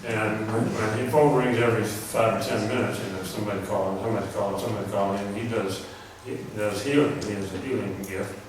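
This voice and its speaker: A soft-spoken religious speaker gives a rambling, informal lecture in a meeting hall before a live audience, clearing his throat often. His lowish voice is steady and fast, with few pauses, carried through a speaker system. The recording picks him up from far off in an echoey hall, with background noise.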